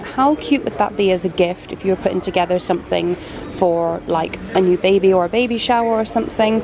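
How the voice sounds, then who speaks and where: A woman's voice: mid-range voice, vocal fry. A young British woman chatting casually about bargains while filming herself shopping in a large store. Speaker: home shopping vlogger. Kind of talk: casual shop-with-me narration. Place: large indoor homeware store. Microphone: handheld camera. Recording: noisy store ambience.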